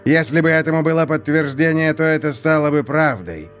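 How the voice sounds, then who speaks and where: A man's voice: a little high, fairly quick, fairly bright tone, faint music behind, pitched above the performer's own voice, natural voice. A man voicing a scheming, mocking male prison warden who gloats in a theatrical, mock-polite way. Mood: gloating.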